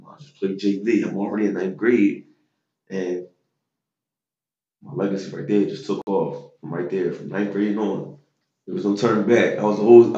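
A man in his thirties with a fairly low voice recalls his high school football years. He talks loosely, in slang and with many fillers. The recording sounds roomy and a bit dull, like a lo-fi echoing room. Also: mellow. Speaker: interview guest, former football player. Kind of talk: casual storytelling interview.

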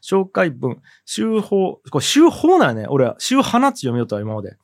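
A man's voice: high voice, wildly swooping pitch, quick pace, gravelly, no room sound. A man with a hosting a podcast, chatting casually with frequent fillers and reading sponsor messages.

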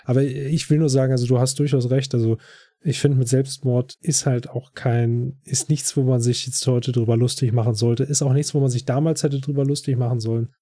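A man's voice: medium pitch, little pitch movement, fairly quick, warm tone, no echo, studio quality. A man co-hosting a podcast, talking in a casual, thoughtful way that often restarts phrases and uses many fillers. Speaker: podcast co-host. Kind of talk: casual chat recapping a TV series.

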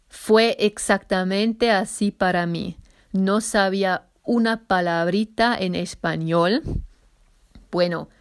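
Her voice lowish and smooth, a woman runs a solo podcast speaking Spanish carefully as a learner. A faint Argentine accent blends with other influences, and she corrects herself in small ways.

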